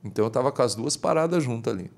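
A bishop guesting on a podcast narrates a story in rapid-fire, creaky speech, and in the studio his voice goes up high whenever he becomes excited.

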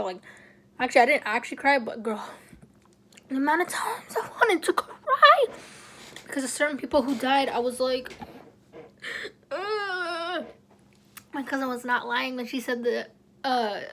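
A woman's voice: on the high side, steady tone, brisk. Chatty young woman vlogging at home. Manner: chatty, rambling, drops into whispers. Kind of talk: casual vlog chat.

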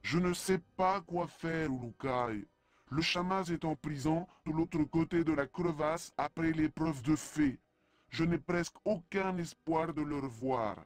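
An actor playing a humble, earnest alien apprentice priest in a video game, deferential and apologetic. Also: male voice, fairly high pitch, unhurried, natural voice. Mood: worried. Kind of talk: French video game dub acting.

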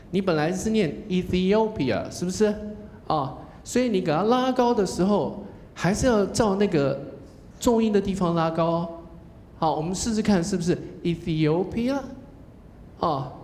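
A man speaking Mandarin with a Taiwanese accent, giving a contest judge's spoken feedback. He coaches the contestants, demonstrates pronunciation, and closes his phrases with a soft "ha". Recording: echoey hall with faint rumble.

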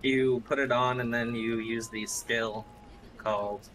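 A man talks casually as he plays a co-op game with a friend. His voice is bright and forceful, with faint ambience behind it. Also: mid-range voice, steady tone, unhurried, slight background noise, low-quality recording. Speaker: co-op gaming partner. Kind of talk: casual gameplay chat.

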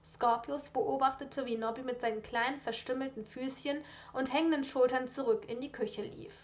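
A woman reads a story aloud in a lively, casual way. Her voice sits fairly high, and she drops in chatty asides now and then. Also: moderate pace. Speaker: fan fiction reader. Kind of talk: reading aloud.

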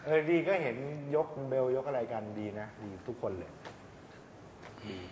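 A man's voice: mid-range voice, animated, a little slow, heavy background noise. A man, a singing coach, chatting casually and teasing, laughing often and slipping into coarse slang. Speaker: singing coach on a reality show. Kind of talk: casual studio chat. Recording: roomy hall with audience, dull sound.

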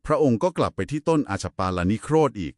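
A fast-talking, animated man with a mid-range, slightly mellow voice gives polite, teacherly explanations in a conversational discussion of Buddhist scripture with one other person. The sound is clean studio audio with no room sound.

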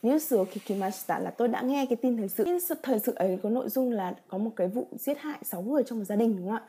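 A woman's voice: fairly high pitch, lively intonation, fast, warm tone, breathy edge. A woman teaching a vocabulary lesson, reading example sentences and patiently explaining each with rhetorical check questions. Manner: reads example sentences then explains them. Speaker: Japanese teacher.

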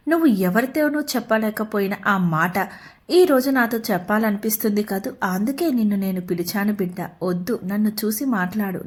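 A woman narrating a devotional message in a slow, tender, consoling way. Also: mid-range voice.

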